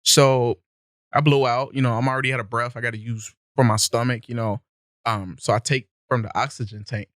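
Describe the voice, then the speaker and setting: A young man on a podcast, telling stories in an easygoing, rambling way and laughing along. His voice sits at an ordinary middle pitch, and the sound is close and dry with no room around it. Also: steady tone, fairly quick, a bit bright, no echo. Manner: laid-back, laughs often, talks loosely with many "like"s. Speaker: podcast guest. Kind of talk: casual storytelling. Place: podcast studio.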